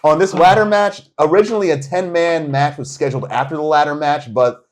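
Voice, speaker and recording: A man co-hosting a podcast, telling wrestling stories in a casual, animated way. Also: a little high, a little fast. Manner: animated storytelling, quotes wrestlers. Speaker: podcast co-host. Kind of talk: casual chat.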